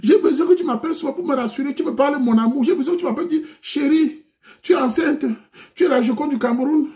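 A man voicing a hurt, pregnant young woman who pleads in a whiny, high voice. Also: fast, warm tone. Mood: suppliante. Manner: aigu, plaintif, pleurnichard. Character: jeune femme enceinte blessée et suppliante.

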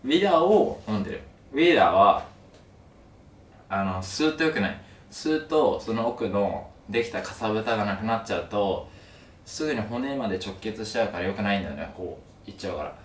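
A young man talks casually to camera with a sore mouth after wisdom tooth surgery. His voice is on the low side and moves quickly. The mic sits at a distance in a room. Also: animated. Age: young adult. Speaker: video creator. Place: small room at home, indoors. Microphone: camera a few steps away. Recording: roomy, distant mic, some noise.

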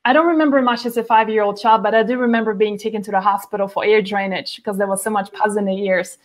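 A medium-pitched woman's voice, fairly even in intonation, comes through quickly. In her forties and working as a nutrition author, she chats casually as a guest in a video call interview, with frequent fillers and restarts. She's at home near a window, plants behind her.

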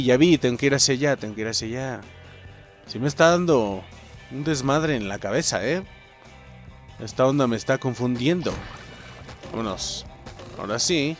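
A man with a Mexican accent doing excitable let's-play commentary, swearing and exclaiming at the game while talking to viewers. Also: medium pitch. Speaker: gameplay commentator.

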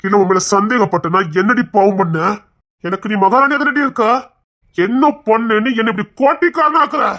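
A man's voice: on the high side, steady tone, normal speed, lightly acted. Bitter, obsessive husband, accusing and menacing, voiced by a man. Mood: aggrieved. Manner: pressing, accusing questions. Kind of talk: Tamil audio drama acting.

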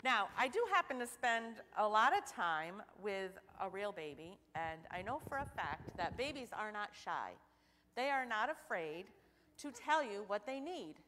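A young woman giving a children's sermon in church, asking the children questions in an animated way. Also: mid-range voice, unhurried, slight background noise. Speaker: children's message leader. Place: church sanctuary. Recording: church hall reverb.

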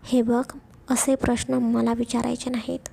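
A woman voicing a rough hired male kidnapper who gives curt, bossy orders in an audio story. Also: on the high side, level tone, measured pace, mellow, exaggerated voice. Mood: harsh.

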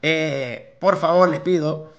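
A man's voice: fairly high pitch, slow, lo-fi sound. A young man with an Argentine accent streaming live, chatting with his viewers and reading their messages aloud in a slangy, chummy way. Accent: Argentine Spanish. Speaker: slots streamer. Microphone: new microphone.

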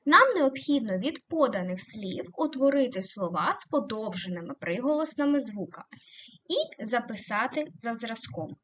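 A woman teaching a primary school class, speaking slowly and clearly, stretching out example words, asking the class questions and praising the answers. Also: fairly high pitch, sing-song, a bit bright, dull audio, slight background noise. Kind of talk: recorded online lesson.

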